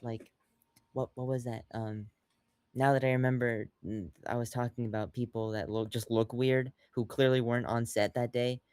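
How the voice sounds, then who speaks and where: A young man chatting casually on a podcast, his voice sitting in an ordinary middle pitch. He rambles with constant fillers and restarts, and the sound is dry and close with no room around it. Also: level tone, normal speed, a little mellow, smooth, no echo. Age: young adult. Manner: rambling, many fillers and restarts, acts out quotes. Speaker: podcast co-host. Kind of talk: casual chat.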